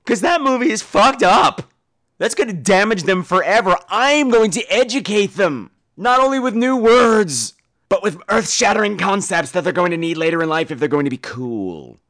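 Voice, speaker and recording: This podcast host's voice sits high, expressive and a bit bright, at normal speed. Chatting casually and taking listener call-ins, he teases theatrically, overemphasizes words, and throws in some profanity.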